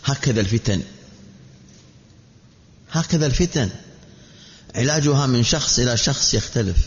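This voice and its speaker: A man preaching a sermon, teaching in a measured way with repetition and rhetorical questions. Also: mid-range voice, a bit bright. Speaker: Islamic preacher. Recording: dull echoey hall recording.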